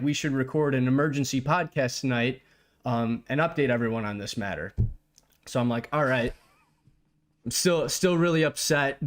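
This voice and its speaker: Exasperated young man telling a story. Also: on the high side. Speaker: podcast co-host. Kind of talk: casual storytelling on a podcast.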